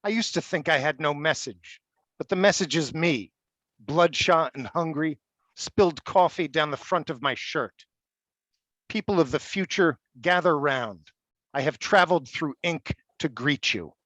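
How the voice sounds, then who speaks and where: Halting male poet, dry close sound. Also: fairly high pitch, dry recording. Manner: halting and stammering when talking, steady when reading. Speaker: poet and college faculty member. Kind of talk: poetry reading.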